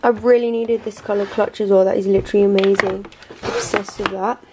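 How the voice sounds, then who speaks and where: A woman's voice: medium pitch, steady tone, a little fast, noisy background. A young woman talking in a gushing casual vlog, groggy from just waking up. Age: young adult. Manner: gushing, says "literally" and "wow" a lot. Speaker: vlogger.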